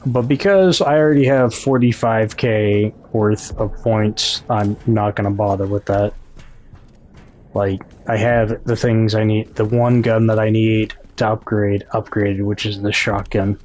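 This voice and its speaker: A man's voice: lowish voice, fairly even intonation, a little slow, darkish tone, a little hiss or hum. A man with a Midwestern American accent giving casual gameplay commentary, chatty and talking straight to his viewers, often correcting himself mid-thought. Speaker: gaming YouTuber.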